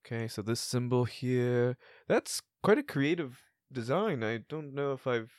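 A man's voice: medium pitch, expressive, unhurried, no room sound, studio quality, natural voice. Man playing an obliging, slightly hesitant innkeeper. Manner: polite, obliging, slightly hesitant service talk. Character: accommodating male innkeeper at an adventurers' guild. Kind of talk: improvised tabletop role-play.

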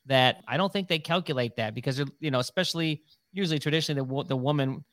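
A middle-aged man hosts a casual podcast chat. He rambles along with plenty of "um" and "you know," and his voice sits a little high for a man. The sound is dry and close, with almost no room echo. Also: fast, a bit bright. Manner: rambling, chatty, many fillers. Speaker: podcast host.

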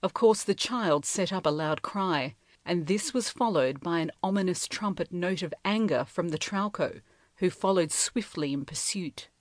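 A woman's voice: on the low side, normal speed, no room sound. Woman narrating a novel, dry sound. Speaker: audiobook reader.

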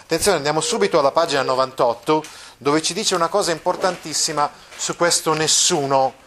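A man's voice: fairly high pitch, fairly quick, background noise. A man teaching a Latin grammar lesson, reciting word endings one by one and checking that the class follows. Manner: patient, repeats declension forms aloud, checks understanding with "eh?" and "no?".

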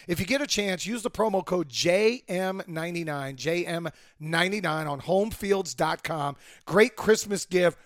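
A man hosting a sports podcast with emphatic, opinionated football commentary, his voice hoarse from a cold. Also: fairly high pitch, no echo, clean studio sound. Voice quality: hoarse, worn voice.

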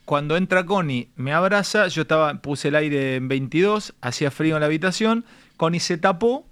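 Brief: middle-aged Argentine male host, bright and forceful, animated banter. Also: a little high, moderate pace, clean tone. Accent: Argentine Spanish. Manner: animated, breaks into shouted goal celebrations. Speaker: radio show host. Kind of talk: casual banter.

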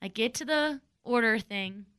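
A woman in her thirties chatting casually as a co-host, retelling a story with animated, dramatic flair. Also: a little high, measured pace, smooth. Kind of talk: casual chat.

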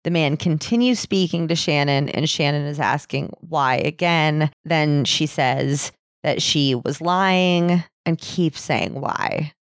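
A woman with a low voice narrates a true-crime case on a podcast. Her delivery is casual and peppered with swearing. The sound is very dry and close, with no room around it. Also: takes it slowly, no room sound. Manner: casual, swears freely while recounting a case. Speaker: podcast co-host.

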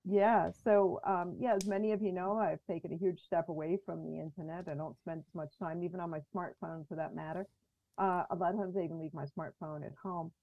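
A woman guest chatting on a video call, her audio muffled and bass-heavy with the highs cut, talking from prepared notes. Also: fairly even intonation, brisk, dry recording. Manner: talks from prepared notes, with small restarts. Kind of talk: casual chat on a video call. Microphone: video call through a mixer.

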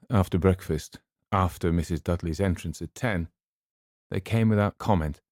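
A male audiobook narrator with a very low, dark, mellow voice, reading in a measured, even way. The recording is close and dry, studio-style. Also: dry recording. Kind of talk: scripted narration.

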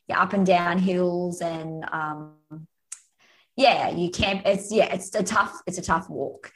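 A woman from Australia with an Australian accent, a podcast guest telling stories in a chatty, animated way over a remote call. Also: fairly low pitch, low-quality recording. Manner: chatty storyteller, animated, frequent "you know" and "like". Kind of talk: casual podcast conversation.

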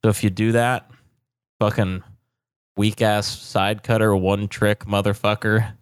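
A man's voice: lowish voice, level tone, measured pace, smooth, dry recording, studio quality. A man co-hosting a casual podcast, giving blunt, profane hot takes with plenty of swearing. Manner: blunt, profane trash talk. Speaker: podcast co-host. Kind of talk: casual chat.

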